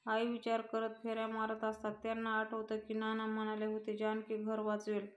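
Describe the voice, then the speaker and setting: Woman narrator for a serial recap; slightly high, very flat, dull lo-fi recording. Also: brisk. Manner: flat monotone reading.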